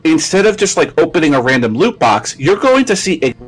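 A man's voice: on the high side, very animated, fairly quick, slightly rough, low-quality recording. Male podcast host, casual gaming talk, choppy dropping call audio. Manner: thinks aloud with restarts and fillers. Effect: choppy call audio with words cutting out. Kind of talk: casual gaming news chat over an online call. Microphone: internet voice call.

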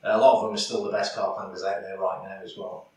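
A man's voice: sits low, level tone, fast talker. A man chatting casually about fishing, full of fillers and restarts. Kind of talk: casual chat about angling. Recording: echoey, far from the mic, faint background noise.

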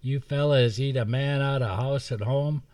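A man's voice: normal speed, a little mellow, no echo, natural voice. A man voicing an ornery old backwoods woodsman who squeals through his teeth, read aloud from a distant mic in a dry room. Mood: grumbling. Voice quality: high-pitched squeal through barely moving lips.

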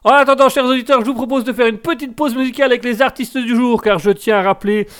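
A man's voice: very high-pitched, fairly even intonation, fast talker, a bit bright, clean tone. A man hosting a live web radio call-in show, addressing his listeners in a formal announcer manner while rambling through repeated restarts.

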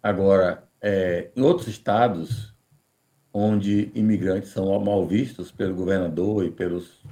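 Taking immigration questions on a live podcast, this Brazilian Portuguese-accented man speaks in a deep, mellow voice with a steady tone. He is measured and deliberate, frequently restarting words.

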